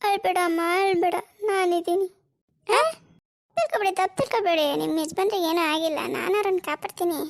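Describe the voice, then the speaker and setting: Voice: very high-pitched, fast. A performer voicing a glib, self-assured doctor in a comedy cartoon, soothing and offhand. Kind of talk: cartoon voice acting.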